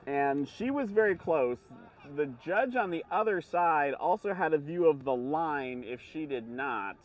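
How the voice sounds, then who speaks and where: Higher-voiced male commentator, slightly off-mic. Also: lively intonation, a little slow, far from the mic, dull audio. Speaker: color commentator. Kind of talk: live sports commentary, explanatory.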